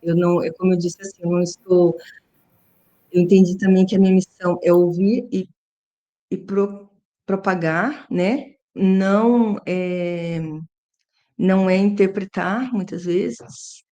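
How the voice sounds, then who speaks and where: A Brazilian woman giving an informal devotional talk as a guest speaker, halting and self-effacing. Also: fairly low pitch, fairly even intonation, dark tone, dull audio. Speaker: guest speaker at a religious formation.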